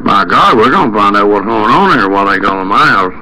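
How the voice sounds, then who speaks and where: A fast-talking man with a fairly low voice makes a prank phone call, rambling through folksy, repetitive complaints punctuated by frequent exclamations. Constant background noise runs through the noisy recording.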